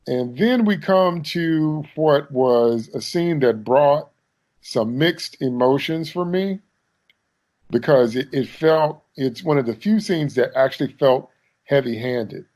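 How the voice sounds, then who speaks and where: A man's voice: medium pitch, takes it slowly, a little mellow. A man co-hosting a podcast, casually recapping a TV episode and acting out scenes in mock quotes. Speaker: podcast co-host. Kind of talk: casual chat.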